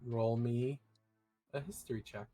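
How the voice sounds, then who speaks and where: A man's voice: medium pitch, fairly even intonation, a little slow, dark tone, faint music behind. A man acting as game master, narrating a tabletop role-playing game in conversational speech.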